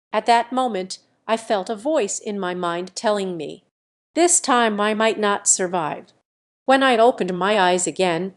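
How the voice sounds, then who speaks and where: A woman narrating a first-person audio story in an even, steady storytelling manner. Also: mid-range voice.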